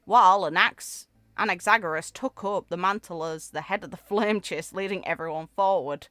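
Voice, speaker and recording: A woman who makes gaming videos reads character lore aloud with expression, dropping in casual commentary. Her voice is lowish and sharp, at a normal speed, recorded dry with background music playing underneath.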